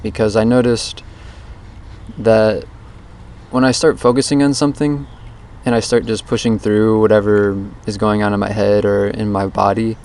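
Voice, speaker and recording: A man's voice: fairly low pitch, flat delivery, normal speed, darkish tone. A man giving a rambling, introspective audio diary in a casual way, captured as a dictaphone recording outdoors. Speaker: vlogger recording a daily challenge diary. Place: outdoors under a bridge. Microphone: handheld voice recorder. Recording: outdoor voice recorder with background noise.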